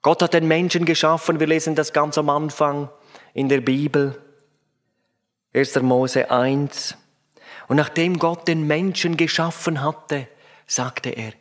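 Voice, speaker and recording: A man preaching a sermon, emphatic and speaking straight to his listeners. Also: a little high. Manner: emphatic, addresses listeners directly.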